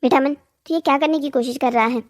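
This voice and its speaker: Voice actor doing a soft, worried cartoon mother. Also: high-pitched, a little fast, natural voice. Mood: pleading. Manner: soft, calming, pleading. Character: gentle worried middle-aged mother. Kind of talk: cartoon story voice acting.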